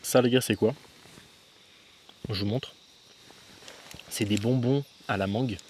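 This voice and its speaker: A man's voice: mid-range voice, a little slow, a little mellow, slight background noise. Chatty young man vlogging to camera. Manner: chatty and slangy, addresses viewers as guys; thinks aloud with frequent fillers and restarts. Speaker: travel vlogger. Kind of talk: casual vlog talk to camera.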